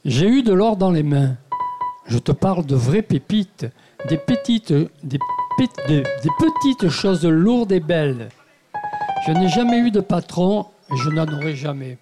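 A man reading a literary text aloud to an audience in a measured, intimate storytelling manner. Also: on the high side, sing-song. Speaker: guest reader. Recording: piano playing behind the voice. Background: piano music.

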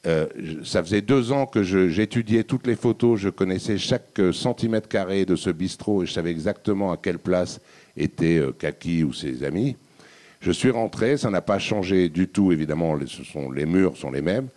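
A man's voice: sits low, normal speed, dark tone. A middle-aged man, an author, telling a reflective story at a live book talk, hesitating and restarting often. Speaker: author guest. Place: public hall with audience.

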